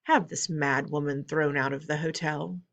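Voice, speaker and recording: A woman reading aloud, voicing a shrill, haughty middle-aged mother who shrieks in panic. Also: steady tone, normal speed.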